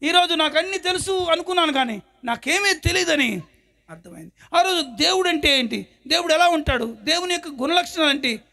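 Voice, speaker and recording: A man's voice: very high-pitched, lively intonation, fairly quick, vocal fry, sharp tone. A male pastor preaching his testimony, a dramatic storyteller who acts out the scenes. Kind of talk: sermon with personal testimony.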